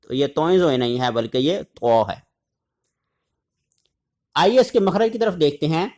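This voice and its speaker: A man from Pakistan leads a Quran reading lesson, sounding out each letter and syllable slowly and deliberately. His voice sits a little high for a man. He breaks into short chanted recitations as examples. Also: very animated, darkish tone.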